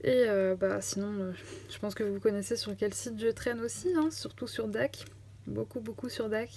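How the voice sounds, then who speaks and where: A woman's voice: mid-range voice, moderate pace, a little mellow. Chatty young woman vlogger, faint hiss. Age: young adult. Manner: chatty, hesitant, many fillers. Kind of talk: casual Q&A chat to camera.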